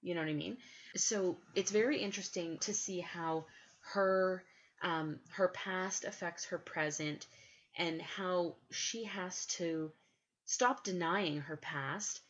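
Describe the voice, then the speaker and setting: A woman's voice: lowish voice, slow pace. A woman co-hosting a podcast, chatting with enthusiasm in a casual way. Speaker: podcast co-host. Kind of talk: casual chat. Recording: dull lo-fi recording.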